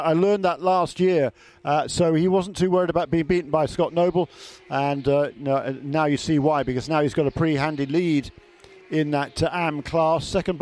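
A man co-commentating on motor racing, analysing it in a halting, often self-correcting way. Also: a little high, darkish tone. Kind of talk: live race analysis.

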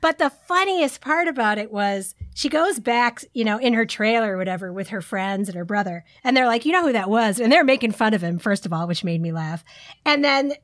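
A woman co-hosting a casual podcast chat, animated and gushing, acting out quotes with big jumps in her voice. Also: brisk, dry recording, clean studio sound. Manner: animated, gushing, big pitch swings when quoting. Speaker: podcast co-host.

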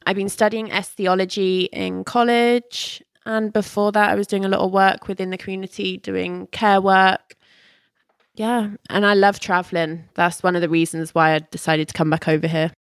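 A woman's voice: mid-range voice, fairly even intonation, normal speed, clean tone, dry recording, clean studio sound. A woman in her twenties with an English accent, chatting easily as a guest on a podcast. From Britain. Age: 20s. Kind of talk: casual podcast chat.

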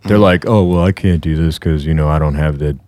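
A man's voice: very deep voice, brisk, dark tone, smooth, no room sound. A thirty-year-old man, a music producer guest on a podcast, talking in a laid-back, rambling way and swearing freely. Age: 30s. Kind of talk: casual podcast chat.

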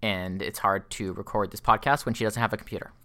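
A man's voice: lowish voice, steady tone, fast, pushed and bright. A young man co-hosting a casual podcast chat, rambling with lots of fillers and restarts. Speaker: podcast co-host.

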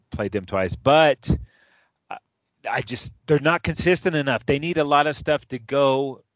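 A man's voice: medium pitch, a bit bright, no room sound, lo-fi sound. Casual man talking football picks, dry sound. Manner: loose, jokey, calls his partner dude. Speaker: sports podcast co-host. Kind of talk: casual sports chat.

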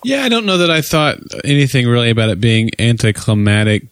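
A man's voice: medium pitch, very animated, brisk, no room sound. A man co-hosting a podcast in casual, joking chat with some rambling. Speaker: podcast co-host.

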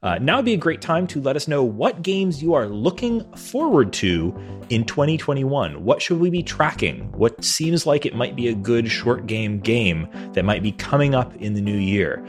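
A man's voice: medium pitch, sing-song, normal speed, faint music behind. A man hosting a podcast in casual chat, talking loosely with many fillers. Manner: chatty, fills with "uh" and "like". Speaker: podcast host.

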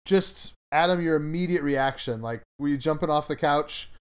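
Male podcast host, smooth tone, higher pitch, relaxed rambling chat. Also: normal speed.

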